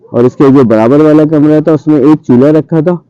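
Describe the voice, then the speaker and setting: A man tells a ghost story from his own past and acts out what he and his cousin said. His voice is dark and mellow, in a mid register. The sound is dry and dull, like an old radio broadcast. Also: on the high side, normal speed, clean tone, no room sound. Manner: animated retelling, acting out his own past lines. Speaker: storyteller guest. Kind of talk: casual spoken ghost story. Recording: dull muffled radio-style audio.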